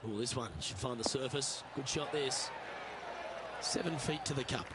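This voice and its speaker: A man's voice: medium pitch, normal speed, natural voice. Guy doing golf commentator for a video game, upbeat but composed, outdoor ambience pretty noticeable. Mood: measured, engaged. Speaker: golf commentator, lead announcer. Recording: outdoor ambience noise behind voice.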